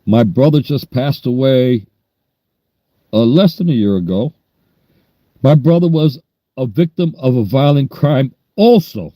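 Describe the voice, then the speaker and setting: A man's voice: medium pitch, expressive, a little slow, pauses often, mellow, dry recording. A man, chatting bluntly and rambling on a livestream. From New York. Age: 60s. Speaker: livestream host. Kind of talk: casual livestream chat.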